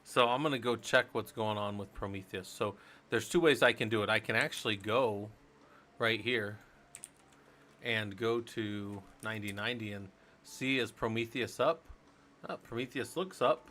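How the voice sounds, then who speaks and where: A man's voice: fairly low pitch, moderate pace, bright, forceful tone, slight background noise. A man hosting a casual live stream, chatting loosely and thinking aloud while he works on a computer. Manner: loose and rambling, thinks aloud, many fillers. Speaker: livestream host.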